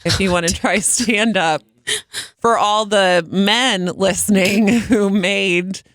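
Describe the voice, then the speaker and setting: A woman's voice: mid-range voice, slow pace, a bit bright, no echo. A young woman co-hosting a podcast as a stand-up comedian, casual chat with a dry, teasing manner.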